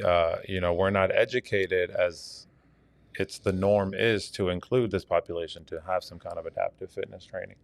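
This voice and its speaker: A man's voice: sits low, clear, resonant tone, no echo. A man from Argentina, a fitness coach, talking earnestly as a podcast guest with many fillers. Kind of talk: casual interview talk.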